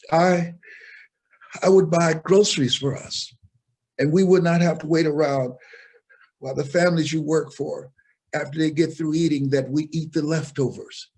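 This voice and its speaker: A man's voice: on the high side, fairly even intonation, measured pace, long pauses, slightly rough, voice pushed up. An older man voicing a poor ten-year-old boy who speaks urgently and earnestly. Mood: pleading. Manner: pleading, urgent.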